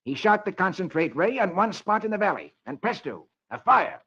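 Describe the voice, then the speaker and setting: A know-it-all company inspector, played by a man reading a comic aloud, clipped and exact. The pitch moves lively. The recording is dull lo-fi vintage radio. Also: moderate pace, breathy edge, full character voice. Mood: explaining. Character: precise male telegraph company inspector.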